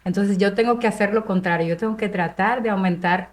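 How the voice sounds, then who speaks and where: Woman co-host, mid pitch, relaxed and conversational. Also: a little fast. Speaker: podcast co-host. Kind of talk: conversational interview.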